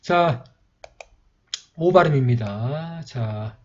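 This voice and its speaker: A man's voice: mid-range voice, lively intonation, drawn-out words. A man patiently teaching how to write the letters of an old script, repeating himself as he goes. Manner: patient, repeats "이렇게 이제" often. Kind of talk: handwriting lesson. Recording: dull lo-fi recording.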